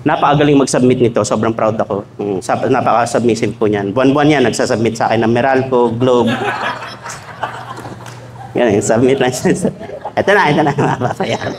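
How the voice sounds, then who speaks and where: A man's voice: mid-range voice, normal speed, background noise. A man preaching a sermon to a church congregation, mixing jokes with teaching and acting out little dialogues in shifted voices. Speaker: pastor. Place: church hall.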